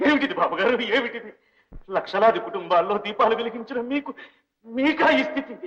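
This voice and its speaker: An earnest young doctor. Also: male voice, medium pitch, sing-song, fast talker, fairly bright tone. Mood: earnest, devoted. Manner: respectful, earnest, emotional pleading. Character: young devoted doctor, servant's son, reverent and warm. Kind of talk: 1960s Telugu film drama. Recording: dull old film soundtrack with music.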